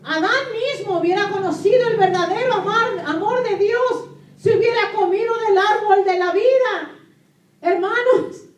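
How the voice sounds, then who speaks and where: Preaching in her native Spanish, a woman pastor reads scripture and hammers home key phrases by repeating them, addressing questions to the audience. She speaks at an extremely high pitch and a moderate pace. Sound comes from a distant microphone in an echoey room.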